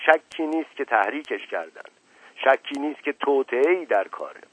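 A man's voice: mid-range voice, big pitch swings, husky, voice pushed up. A man doing a pompous, irritable old uncle. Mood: angry. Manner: angry, forceful, impatient. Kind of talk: audiobook reading. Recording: tinny lo-fi radio broadcast, dry.

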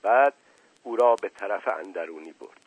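A male narrator reading a novel aloud in a measured, even audiobook style. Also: on the low side, husky, no echo. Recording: tinny narrow-band radio sound, dry.

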